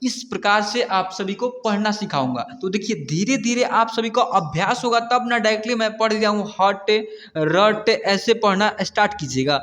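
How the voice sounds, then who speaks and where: A man teaching Hindi reading, sounding out letters and repeating each word twice in a slow lesson. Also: high-pitched, fairly bright tone, big-room sound.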